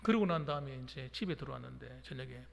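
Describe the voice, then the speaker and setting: A male pastor preaching a sermon, telling a story and acting out the dialogue in an animated way. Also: medium pitch, quick pace, creaky, long reverb tail. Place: church sanctuary.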